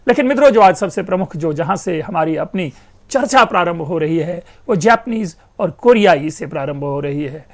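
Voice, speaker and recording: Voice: medium pitch, expressive, normal speed, darkish tone. A lecturer giving an academic lecture in an explanatory way, addressing the listeners as friends and stressing key terms.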